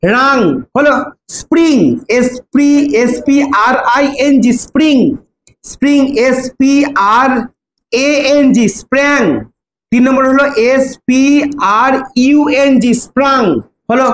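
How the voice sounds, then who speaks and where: A woman's voice: high voice, little pitch movement, measured pace, a little hiss or hum. A woman teaching an English grammar class in Bengali, spelling out verb forms letter by letter and checking with her students. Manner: spells words letter by letter, asks students questions. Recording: echoey room with faint ambience.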